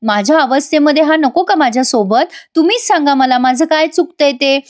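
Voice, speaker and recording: Angry pregnant young wife, scolding, high, read by a woman narrator. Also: close to an everyday voice. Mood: angry complaining. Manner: scolding, rapid complaints.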